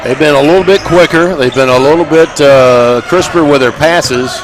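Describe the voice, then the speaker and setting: A man calling play-by-play for a college basketball game, with steady calls of each pass and shot and occasional wry asides. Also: a little high, normal speed. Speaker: play-by-play announcer. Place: college gym. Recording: loud crowd noise behind.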